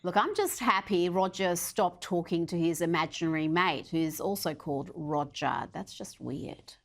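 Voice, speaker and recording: A woman's voice: on the low side, moderate pace. A woman hosting a TV news segment, reading scripted opinion commentary in a sarcastic, mocking tone. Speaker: TV news host.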